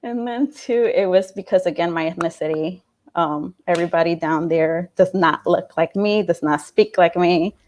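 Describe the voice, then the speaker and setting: A woman in her late twenties from New York City, talking in a casual interview about her school days, thoughtful, with frequent fillers and soft laughs. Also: lowish voice, moderate pace, a little hiss or hum. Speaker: interview guest, alumna.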